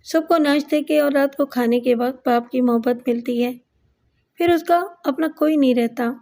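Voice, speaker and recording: A woman's voice: sits high, darkish tone. A woman reading an anxious young suitor. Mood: uneasy. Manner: nervous, pleading. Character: anxious young man courting a strange cousin.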